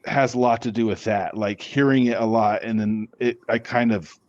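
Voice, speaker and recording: A man speaks as a podcast guest in a low voice, answering casually with frequent restarts and repeated words. The sound is dry and somewhat dull, like a lo-fi recording. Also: steady tone, moderate pace, no room sound.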